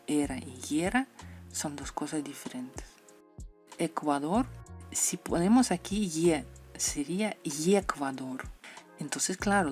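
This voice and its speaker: A low-voiced, slightly mellow woman teaches Russian, explaining letters and their pronunciation. She repeats example sounds slowly and drops in playful asides.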